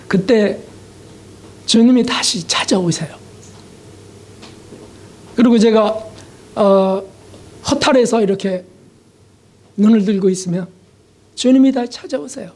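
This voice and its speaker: Man preaching a heartfelt sermon, confessional tone, dramatic pauses and soft trailing endings. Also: high-pitched. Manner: asks the congregation rhetorical questions. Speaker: pastor.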